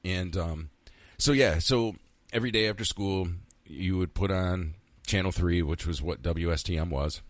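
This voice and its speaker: A man's voice: low-pitched, moderate pace, dry recording. A man in his fifties from central New York, hosting a casual solo podcast, rambling and candid, swearing freely and talking to himself. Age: 50s. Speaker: podcast host.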